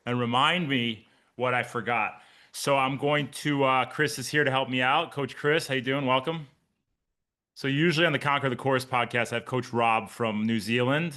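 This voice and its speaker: Casual 40s coach guy on a video call, upbeat and chatty, bright forceful voice. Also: mid-range voice, fairly even intonation, moderate pace. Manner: upbeat, chatty, addresses listeners by name. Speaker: triathlon coach and podcast host. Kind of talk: casual live call with team.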